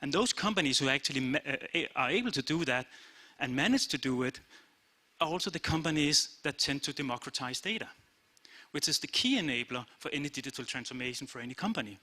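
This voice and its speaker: In an event room, a middle-aged CEO from Denmark delivers a brief conference speech for an awards presentation, his Danish accent clear in a crisp, bright, medium-pitched voice. He talks quickly yet steadily and plainly, with frequent "uh" and "basically."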